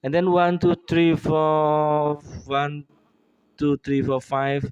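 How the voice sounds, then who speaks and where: A man's voice: a little high, steady tone, drawn-out words, a little mellow, smooth, no room sound, muffled recording. A man with an Indonesian accent giving a bilingual speaking lesson, mixing Indonesian and English, tagging lines with "ya", and speaking with a runny nose. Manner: mixes Indonesian and English, frequent tag "ya". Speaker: English teacher.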